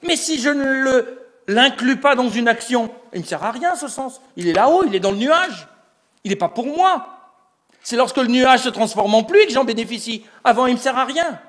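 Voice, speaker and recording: High, lively-voiced male lecturer. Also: normal speed. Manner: asks rhetorical questions and answers them himself; explanatory, building an argument step by step. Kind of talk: recorded lecture.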